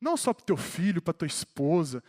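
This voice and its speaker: A man with a high-set voice and a Brazilian Portuguese accent preaches a sermon at a church service. He speaks straight to his congregation, calling individual members by name. His delivery builds in fervor and emphasis as he drives his points home. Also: very animated, moderate pace, a little mellow. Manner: grows more fervent and emphatic toward the close.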